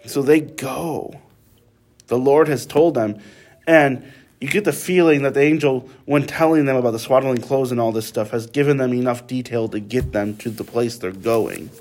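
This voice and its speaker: A man's voice: medium pitch, normal speed, darkish tone. Man leading a casual Bible study. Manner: conversational, frequent "like" and "right?" tag questions.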